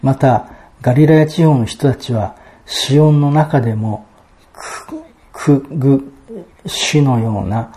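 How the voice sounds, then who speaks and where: A male pastor delivering a sermon in a steady, explanatory manner. He reads scripture passages aloud and then unpacks them. His voice has a soft, mellow warmth at an ordinary pitch. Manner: measured expository preaching, reading out Bible verses.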